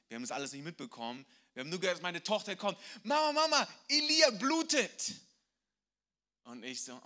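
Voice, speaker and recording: A male pastor preaching a sermon, telling a personal story with emotion and moving between loud passages and hushed ones. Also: medium pitch.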